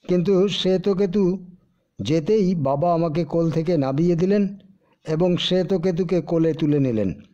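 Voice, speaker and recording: A man voicing a tearful young boy who pleads slowly and sadly, in a dull lo-fi recording. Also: sits high, mellow.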